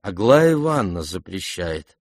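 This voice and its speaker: Prince Myshkin, a man reading a meek gentle prince. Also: low-pitched, big pitch swings, normal speed, dry recording, clean studio sound. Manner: mild, patient, earnest. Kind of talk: audiobook character voice.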